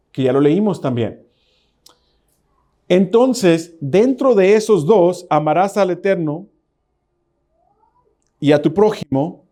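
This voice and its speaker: Mellow-voiced man teaching a Bible study. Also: high voice. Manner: teaching, asks the audience to repeat words; reads scripture slowly and deliberately. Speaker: teacher of a messianic congregation.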